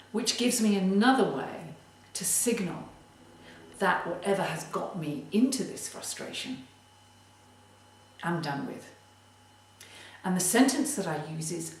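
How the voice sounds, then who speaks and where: A woman giving a motivational tip as a creativity coach, speaking in a deliberate, emphatic way. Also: lowish voice, a little hiss or hum. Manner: slow, deliberate, emphatic delivery. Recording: very echoey room, distant mic.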